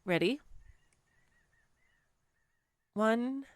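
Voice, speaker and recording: In an intimate, one-sided roleplay audio drama, a woman plays a clumsy, giggly girlfriend on a date who is playful, flustered and self-deprecating, chatting with bursts of laughter. Her voice is a little high and a little slow, with lively intonation.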